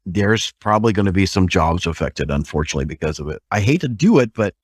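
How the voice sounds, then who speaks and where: A man's voice: low-pitched, fast talker, no echo, clean studio sound. A man co-hosting a casual podcast conversation. He tells stories animatedly and swears mildly. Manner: animated storytelling, mild swearing.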